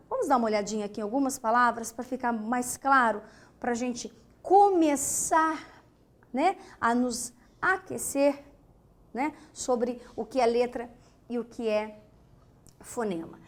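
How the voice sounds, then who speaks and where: A woman's voice: high voice, fairly bright tone. A woman teacher with a Brazilian Portuguese accent, giving a lesson on phonetics, asking her students questions and counting letters aloud. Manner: asks the class questions and counts aloud slowly; sounds out letter sounds in short breathy bursts. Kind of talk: classroom lesson explaining phonetics.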